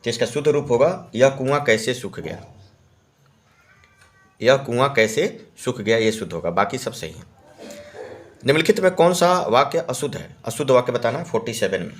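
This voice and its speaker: Very animated and brisk, this male Hindi exam-prep teacher runs through a practice test one answer after another. His voice is an ordinary middle pitch, and he repeats key words while constantly checking his listeners are keeping up.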